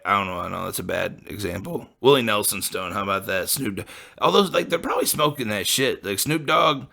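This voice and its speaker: Low, gravelly and sharp, the voice belongs to a late-twenties Midwestern man hosting a podcast. His delivery is relaxed and profane, a loose ramble stuffed with filler words like "like" and "you know."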